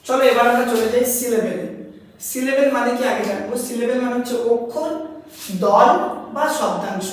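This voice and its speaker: Woman teacher, Bengali accent, higher voice, distant mic, big echoing room. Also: a little hiss or hum. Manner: explains step by step, asks students questions, sounds out syllables slowly. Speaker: English grammar teacher. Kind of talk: classroom lesson. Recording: echoey hall, voice from a distance.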